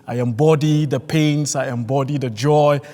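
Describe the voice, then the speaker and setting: A man from Nigeria, an Anglican priest, speaking as a seminar panelist in a measured, hesitant way with many fillers. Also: mid-range voice, steady tone, dark tone, soft background music. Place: large church hall. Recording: long hall reverb, mic at a distance.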